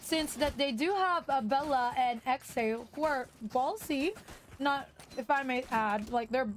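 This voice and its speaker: Brief: young woman co-caster, high voice, unhurried, excitable, faint background noise. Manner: excitable, gasping reactions. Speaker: esports co-caster. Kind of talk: casual esports commentary.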